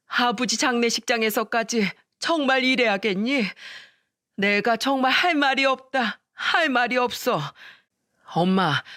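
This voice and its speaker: A woman's voice: on the high side, no echo, clean studio sound. A woman voicing a fed-up younger brother who speaks sternly to his wife and mother. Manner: stern, flat then harsh.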